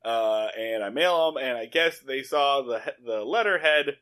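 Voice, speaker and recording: A podcast co-host recaps a TV show in a casual, comedic style, swearing freely and acting out the dialogue in his own loose paraphrase. His medium-pitched voice is expressive, unhurried, sharp, clear, and resonant.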